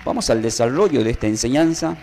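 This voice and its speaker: Faint music sits behind a man whose medium-pitched, darkish voice moves quickly with lively intonation. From Tucumán and speaking Argentine Spanish, he leads a call-and-response Bible class, getting listeners to repeat his phrases with emphatic rises.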